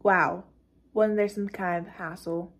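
A woman's voice: lowish voice, fairly even intonation, unhurried, fairly bright tone. A woman voicing a curious young woman who keeps pressing with questions, reading a dramatic script. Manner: questioning, prodding, incredulous.

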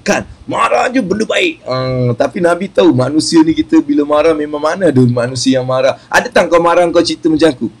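A man's voice: fairly high pitch, expressive, quick pace, few pauses, husky. A Malaysian man with a Malay accent giving a casual live-streamed business talk, chatty and playful, often laughing and slipping into English. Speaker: business motivational speaker.

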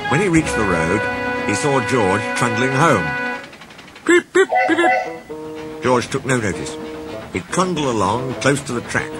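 A man reads a children's story aloud, with a lively voice that rises and falls. His delivery is expressive and playful. Steady background music plays under the narration. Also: medium pitch, moderate pace.

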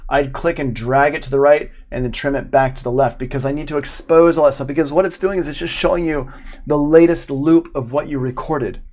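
A middle-aged man, an audio production instructor, gives an informal live online lesson from a room in his home, chatting and thinking aloud as he demonstrates. His voice is a little high and darkish, with a steady tone and a brisk pace.

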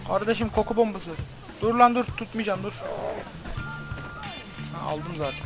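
A man hosting a gaming channel, giving casual gameplay commentary, excitable and cursing at the game as he plays. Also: high voice, normal speed. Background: game music.

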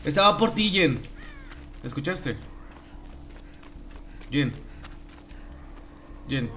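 A man streaming a game, casually teasing his teammates and bursting into excited yells. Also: on the high side, very slow, a little hiss or hum. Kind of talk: casual live-stream commentary.

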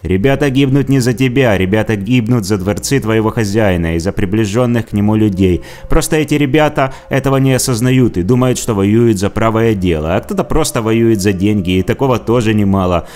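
A man with a somewhat low voice reads a scripted commentary. He talks in a sarcastic, mocking way throughout. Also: a little fast, few pauses, darkish tone. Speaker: video blogger.

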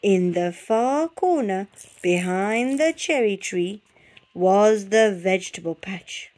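Mum reading aloud, lively pitch. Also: female voice, takes it slowly. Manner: warm, chatty, stops often to talk with the child. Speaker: mother reading to her child. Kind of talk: reading a picture book aloud.

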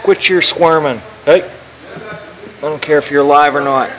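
A man's voice: fairly high pitch, normal speed, fairly bright tone, a little hiss or hum, poor audio. Laid-back man filming in a barn. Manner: joking, laid-back, talks to the camera. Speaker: vlogger filming himself. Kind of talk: casual self-filmed commentary. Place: large indoor barn. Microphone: handheld phone camera.

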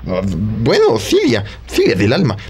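A performer voicing a playful, excitable male puppet who hosts a children's show, in a theatrical, exclamatory way. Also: mid-range voice, measured pace, breathy edge, exaggerated voice. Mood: playful, eager. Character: lively mustached male puppet, playful, pleading show host. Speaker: children's religious show host.

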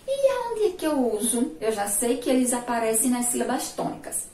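A woman teacher with a Sergipe Brazilian accent, giving a remote lesson, stretching syllables slowly and praising her pupils' answers. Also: on the high side, sing-song, warm tone. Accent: Sergipe Brazilian Portuguese. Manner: slow, drawn-out syllables, asks pupils questions and praises answers. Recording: echoey room, voice far from mic.

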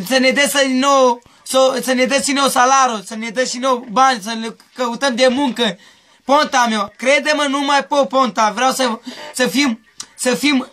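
A man's voice: very high-pitched, bright, forceful tone. A man from Mehedinți in a street interview, rambling and repeating his pleas over and over. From Mehedinți, Romania. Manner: rambling, repetitive pleading.

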